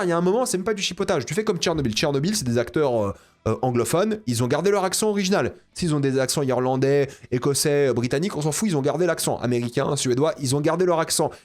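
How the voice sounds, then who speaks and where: A man's voice: on the high side, expressive, fast, soft background music. A young man giving a casual spoken film review, exasperated and ranting, repeating himself. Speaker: film critic.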